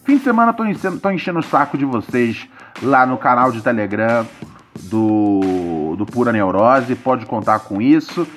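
A man's voice: animated, normal speed, soft background music. A Brazilian man hosting a podcast, reading a listener's letter aloud and reacting in slangy, profane, playful chat. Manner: slangy, profane and playful, swinging pitch for comic effect. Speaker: podcast host.

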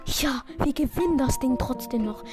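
A woman giving excitable, self-mocking play-by-play commentary while she plays a video game. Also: sits high, normal speed, music in the background. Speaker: gaming video creator. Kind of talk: live gameplay commentary.

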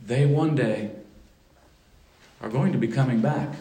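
A man's voice: mid-range voice, measured pace, mellow, roomy sound, distant mic, rough recording. A man preaching a sermon in a church, building to emphatic, fervent declarations. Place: church sanctuary.

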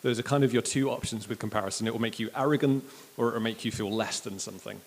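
Male preacher, relaxed and joking, sermon style, church reverb. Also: medium pitch, fast. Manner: casual, chatty and animated, with jokes and acted quotes.

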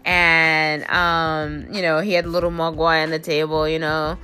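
A woman chatting casually through a convention recap, rambling with many fillers and restarts and bursting into excited quoted reactions. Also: low voice, a little slow, soft background music. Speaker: convention reviewer and interviewer.

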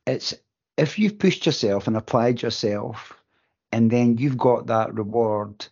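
A man's voice: medium pitch, unhurried, creaky, a little mellow, husky. Man hosting, slightly dull audio. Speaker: podcast host. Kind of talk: casual interview chat.

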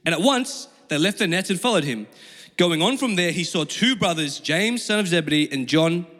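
A young man from Melbourne, Australian-accented but with Chinese as his first language, preaches in a casual, slangy, conversational style, mixing in personal stories. His voice is high-pitched, animated and fairly bright at normal speed, with long reverb from a large room full of people.

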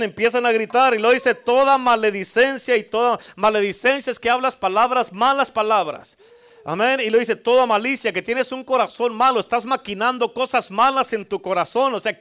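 High-voiced preaching man. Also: fairly bright tone. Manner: call-and-response preaching, asks congregation for amens. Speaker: pastor. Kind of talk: sermon.

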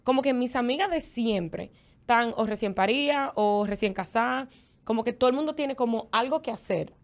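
A young adult woman with a Dominican Spanish accent, co-hosting a casual chat and telling candid, expressive stories. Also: a little high, moderate pace. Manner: candid, expressive storytelling with lots of fillers. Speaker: podcast co-host.

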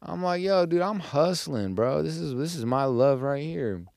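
A young man hosts a podcast, chatting casually and telling slang-heavy stories with animated energy, slipping into high mock voices whenever he quotes someone. He speaks at normal speed with vocal fry, and the recording is dry with clean studio sound.

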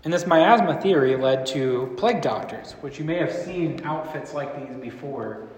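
A man's voice: fairly high pitch, lively intonation, normal speed, a little mellow. A man teaching a group in a casual, rambling way, often asking the room questions. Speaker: church speaker teaching a series. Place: large room with a live audience. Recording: echoey hall with long reverb.

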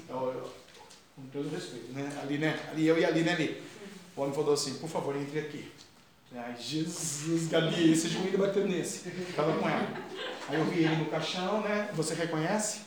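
A preacher, delivering a fervent, repetitive sermon that builds to shouts. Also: male voice, a little high, brisk, reverberant, a crowd in the background. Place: church.

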